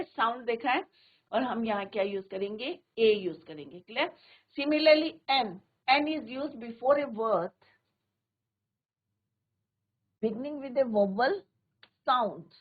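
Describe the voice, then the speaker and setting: A woman with an Indian accent leads a virtual classroom lesson, posing question after question to the pupils and answering each one herself. Her voice sits fairly high. It comes through a narrow, phone-like channel. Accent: Indian English. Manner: asks pupils questions and answers them herself, mixing Hindi and English. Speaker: English teacher.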